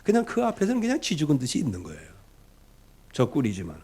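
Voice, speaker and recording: A man preaching a sermon as pastor, telling the story dramatically, acting out the characters he quotes, and dropping from loud emphasis to soft low asides. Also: wildly swooping pitch, quick pace, breathy edge.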